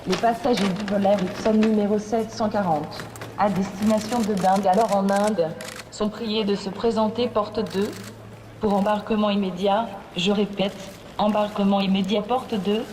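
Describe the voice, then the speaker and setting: A woman making a formal boarding announcement over a public address loudspeaker. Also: mid-range voice, steady tone, normal speed, slight background noise. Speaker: announcer at a staged protest ceremony. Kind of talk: mock airport boarding announcement.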